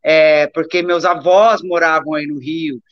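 A woman's voice: low voice, fairly even intonation, measured pace. A middle-aged woman from Brazil chatting informally about her life, digressing and repeating words for emphasis. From Brazil, born in Rio, raised in Taubaté. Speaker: interview guest, doctor and amateur athlete. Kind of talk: casual autobiographical chat. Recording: echoey room, dull lo-fi live-stream audio.

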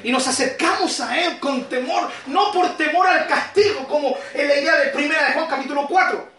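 Chilean pastor guy preaching, high bright voice, goes soft then shouts. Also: fairly quick, roomy sound, distant mic. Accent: Chilean Spanish. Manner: emphatic preaching, swinging from soft asides to shouted peaks. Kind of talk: sermon.

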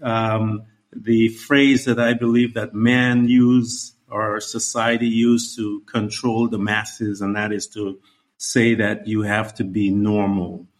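A man's voice: on the low side, flat delivery, takes it slowly. Male interviewer from Guyana; rambling, searching, conversational questions.

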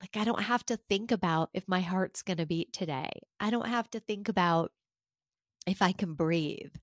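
Earnest low-voiced woman podcaster. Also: normal speed, no room sound, studio quality. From United States. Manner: earnest, encouraging, asks the listener questions. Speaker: podcast host. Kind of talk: reflective solo podcast talk.

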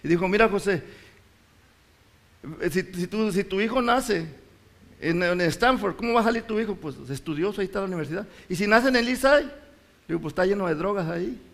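Middle-aged male pastor, high-pitched, impassioned sermon delivery. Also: moderate pace, pauses often. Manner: impassioned, rises to shouts and drops low.

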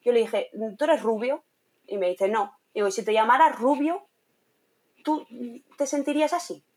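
A trainee teacher and content creator in her young adult years shares a story as a guest in a casual interview, her voice on the high side and her pace moderate. She's full of energy, often laughing and acting out quoted lines.

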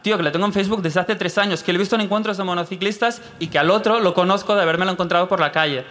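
A man telling a rambling funny story on a live comedy podcast, acting out his own thoughts as he goes. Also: high-pitched. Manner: fast, animated storytelling with quoted asides. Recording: live venue with long reverb.

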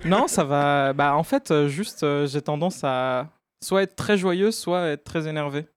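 Slow, hesitant man with Algerian accent. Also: fairly high pitch, clean tone, no echo, clean studio sound. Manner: slow, hesitant, full of pauses. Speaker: guest.

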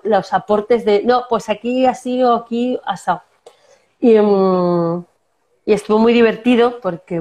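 This woman's voice sits at a medium pitch with a slightly mellow quality. She's an actress guest from La Mancha in Spain, carrying the local accent, and she spins stories in a relaxed interview, frequently starting over and dropping in fillers.

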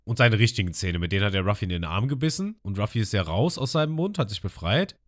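Low voiced guy recapping an episode for a podcast, chatty and animated. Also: fast talker. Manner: lively storytelling, laughs often. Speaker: podcast co-host. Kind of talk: casual retelling of an episode.

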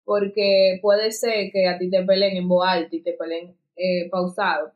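A woman's voice: a little slow, muffled recording. A young woman, co-hosting a casual chat and acting out quoted lines with big jumps in voice. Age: young adult. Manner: animated, acts out quoted speech with big pitch jumps.

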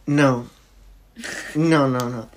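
Young man, hesitant, halting, fillers and restarts, casual interview talk. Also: mid-range voice, fairly even intonation, a little hiss or hum. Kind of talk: casual conversation. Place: lives in Barcelona.

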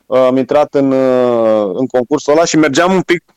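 A man, a former rower and radio guest, telling stories in a relaxed, anecdotal way. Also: medium pitch, clear, resonant tone, no echo, rough recording. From Romania. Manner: anecdotal, chatty, laughs while telling stories. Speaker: guest, former world rowing champion. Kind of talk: casual radio interview chat.

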